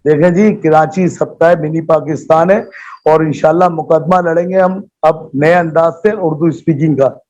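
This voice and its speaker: A man speaks as a call-in guest, his voice sitting high for a man. The dull, lo-fi phone line strips away the fullness of his voice. He argues forcefully and rhetorically, repeating his points for emphasis. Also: fairly even intonation, moderate pace. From Pakistan. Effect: heard over a phone line. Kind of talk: impassioned political argument.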